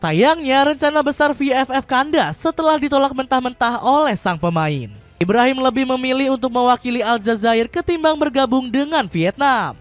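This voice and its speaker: A woman narrating scripted football news as a voice-over, in a steady read-aloud delivery that drops in pitch at sentence ends. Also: moderate pace, hardly any pauses, dry recording, soft background music.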